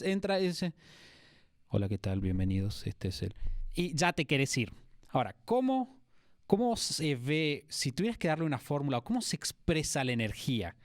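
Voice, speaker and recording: Male podcast host from Argentina, Argentine Spanish accent, curious interviewer, mid pitch, dry recording. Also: no room sound. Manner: curious, asks long, rambling questions. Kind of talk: conversational interview.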